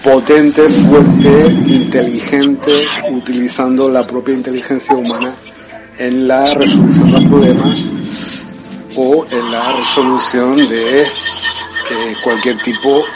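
Spanish man reading over loud music. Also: mid-range voice, little pitch movement, rough recording. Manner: measured, halting delivery with fillers and restarts. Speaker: author reading from his own book. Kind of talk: reading aloud with spoken asides. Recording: loud background music under the voice.

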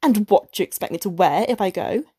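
Resentful, impatient young wife, voiced by a woman storyteller; husky edge. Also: medium pitch, lively intonation, fast, mellow. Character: discontented young wife longing for luxury.

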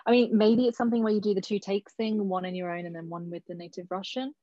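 A woman casting director talks actors through a workshop on a video call, thinking aloud as she gives thoughtful, chatty advice. Her voice is medium-pitched and mellow, fast-paced with little pitch movement and no echo, and the video call audio sounds dull and lo-fi.

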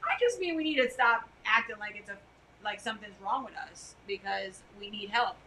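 A middle-aged woman co-hosting a podcast, chatting casually on a couch in a loud, emphatic way. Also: mid-range voice, expressive, normal speed, slight background noise, rough recording. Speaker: podcast co-host. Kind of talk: casual chat. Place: living room couch.

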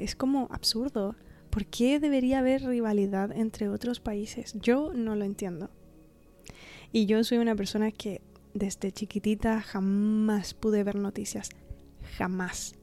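A young woman hosting a motivational podcast, speaking softly and intimately, often sinking to a breathy near-whisper and repeating words for emphasis. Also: mid-range voice. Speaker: podcast host. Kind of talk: casual motivational podcast monologue.

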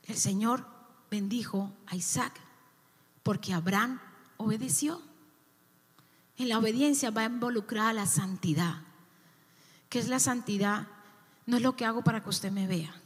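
A woman's voice: a little high, unhurried, pauses often, big-room sound. A woman, a youth pastor preaching a sermon in a church, with impassioned, emphatic repetitions.

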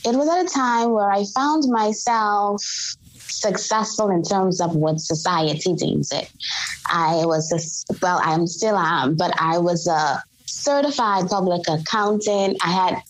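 A woman's voice: on the low side, a little slow, a little hiss or hum, poor audio. A woman from the Bahamas, a guest author speaking earnestly and inspirationally in a podcast interview.

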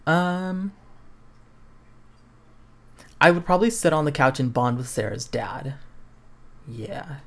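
A man's voice: fairly high pitch, lively intonation, slow, long pauses. A young man hosting a podcast, reading the choices of a choose-your-own-adventure game aloud and adding wry, self-mocking asides. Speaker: podcast host.

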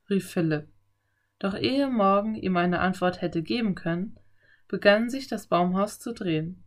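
Woman, audiobook narration, calm, clear, mid pitch. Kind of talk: audiobook narration of a children's story.

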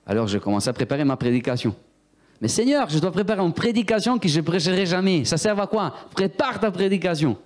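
Animated preacher man. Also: high-pitched, fairly quick. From Italy. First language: Italian. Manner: animated storyteller, acts out voices, talks to the congregation. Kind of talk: sermon with personal testimony.

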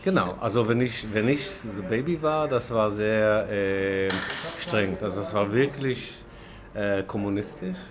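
A man from Israel, not a native German speaker, talking in a café interview with many pauses and fillers. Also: lowish voice, a crowd in the background. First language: Hebrew. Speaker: animation lecturer, guest. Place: small café indoors.

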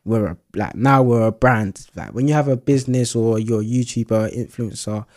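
Laid-back man, podcast co-host, slangy casual talker, middle pitch. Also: normal speed, darkish tone. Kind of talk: casual chat.

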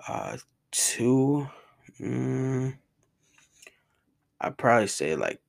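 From a rented cabin bedroom, this vlogger rambles in casual, slangy chat, dropping "bro" again and again. He has a medium-pitched, gravelly voice with a New York and New Jersey accent, a sing-song lilt and drawn-out words.

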